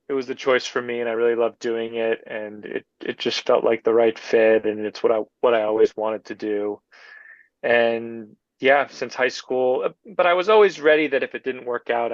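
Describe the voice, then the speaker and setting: A man who works as a film composer, answering interview questions in an easygoing, halting way with many fillers. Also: mid-range voice, no echo, dull audio.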